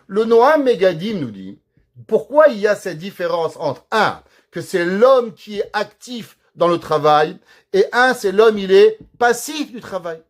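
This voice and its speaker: A man, a rabbi, giving a recorded Torah lesson, explaining Hebrew words and verses step by step and asking rhetorical questions. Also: high voice. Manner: explains Hebrew terms and verses slowly, teacher-like; lively, rhetorical questions to the audience. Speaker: rabbi teaching a class.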